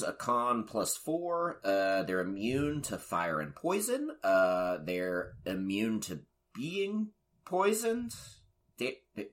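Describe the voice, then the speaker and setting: A man co-hosting a casual podcast, reading monster rules from a tabletop game aloud and chatting with friends. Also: mid-range voice. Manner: reads game rules aloud in a lively, animated way. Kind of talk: casual chat.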